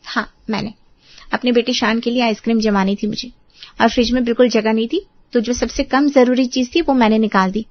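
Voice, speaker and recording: A woman voicing a defiant, sharp-tongued sister-in-law who answers with mocking retorts. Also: fairly high pitch, steady tone, fairly quick, muffled recording. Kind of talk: storybook drama.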